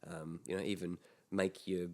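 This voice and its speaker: A man's voice: sits low, level tone, normal speed. A man co-hosting a podcast, casually explaining health topics and sometimes dropping into mock voices. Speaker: podcast co-host.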